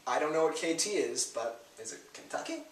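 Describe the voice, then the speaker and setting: Young male podcast co-host, rambling jokey banter, a bit high, heard from off-mic in an echoey room. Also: animated, a little fast. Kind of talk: casual podcast chat. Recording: echoey room, mic at a distance, faint noise.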